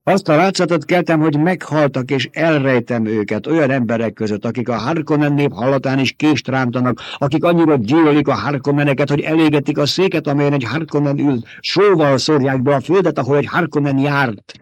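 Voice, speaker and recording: A man's voice: fairly high pitch, no room sound, pitched above the performer's own voice, lightly acted. A man voicing a feverish old traitor doctor. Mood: urgent, coaxing. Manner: intimate, coaxing, feverish intensity. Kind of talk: audiobook character reading.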